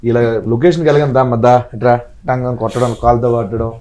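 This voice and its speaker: A man's voice: mid-range voice, fast talker, poor audio. Man telling set stories animatedly. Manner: animated storyteller acting out on-set dialogue. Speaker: actor being interviewed. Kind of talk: casual interview chat.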